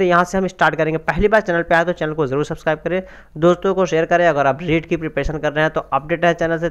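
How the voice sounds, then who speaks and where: A man's voice: a little high, a bit bright, clear, resonant tone. A man teaching an exam preparation grammar lesson, explaining step by step and asking and answering his own questions. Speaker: Urdu language teacher.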